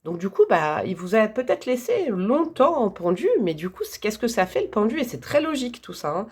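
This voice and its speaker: A woman's voice: medium pitch, big pitch swings, brisk, a little mellow, husky. A woman giving a casual tarot reading to camera, chatty and enthusiastic, thinking aloud with many fillers. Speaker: tarot reader.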